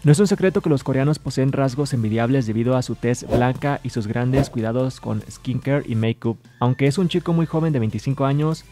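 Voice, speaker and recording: A man's voice: medium pitch, brisk, few pauses, warm tone, soft background music. A man reading entertainment news as a scripted voice-over, adding brief personal asides. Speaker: news presenter.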